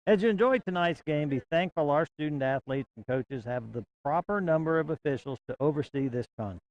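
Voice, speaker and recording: A man calling a local high school football game, folksy and chatty, getting excited on big plays. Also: a little fast, highs cut off. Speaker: play-by-play announcer. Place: outdoor broadcast stand at a football field.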